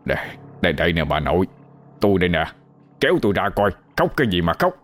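Man doing a grumbly old country guy, deep voice, southern vietnamese accent, blunt and offhand. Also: big pitch swings, fast talker, a bit bright. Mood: gruff reassuring. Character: gruff old village man, blunt and stubborn.

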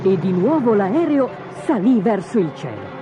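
Animated woman reading a children's story. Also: medium pitch, normal speed, noisy background. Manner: expressive, dramatic. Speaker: narrator. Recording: dull lo-fi audio with music behind.

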